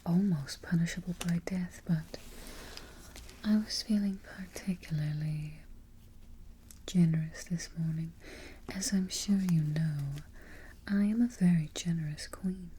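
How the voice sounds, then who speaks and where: A woman as a slow, whispery, imperious Evil Queen. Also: on the low side, slight background noise, lightly acted, poor audio. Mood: haughty, self-satisfied. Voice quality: soft, breathy, near-whispered. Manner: deliberate, haughty, formal phrasing. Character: imperious, fussy, vain Evil Queen, darkly comic. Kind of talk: soft-spoken humorous ASMR roleplay. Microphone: close ASMR microphone.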